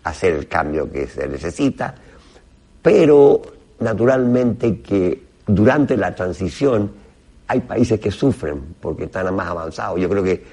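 Gravelly, low-voiced man speaking Spanish. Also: lively intonation, mellow. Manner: halting, groping for words in Spanish. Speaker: professor, interview guest. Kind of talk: interview answers, explanatory.

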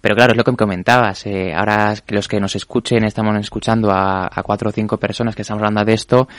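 A man, a panel guest giving measured advice with frequent fillers. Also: fairly low pitch, little pitch movement, no echo. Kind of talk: roundtable discussion.

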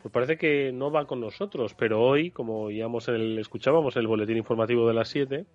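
A man's voice: medium pitch, brisk, no echo, muffled recording. A man hosting a radio panel discussion, putting questions to his guests with many fillers. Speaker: radio show host.

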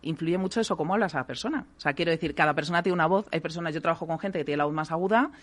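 Quick, explanatory Spanish woman. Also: sits low. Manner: calm, explanatory, asks "¿vale?" often. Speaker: voice therapist guest. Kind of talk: radio interview, explaining.

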